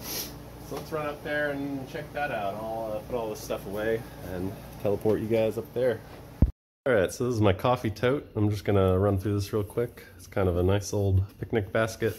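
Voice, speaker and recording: Laid-back man with a low voice. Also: moderate pace, background noise. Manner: relaxed, chatty, with frequent uh fillers. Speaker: vlogger showing camping gear. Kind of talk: casual gear walkthrough. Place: cluttered home storage room and kitchen, indoors.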